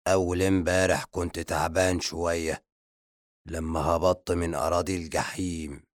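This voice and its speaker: Man voicing a cheeky joking jinn with an Egyptian accent, deep low voice, dry. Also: little pitch movement, moderate pace, no echo, lightly acted. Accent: Egyptian Arabic. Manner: playful, joking. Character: silly, cheeky male jinn who jokes.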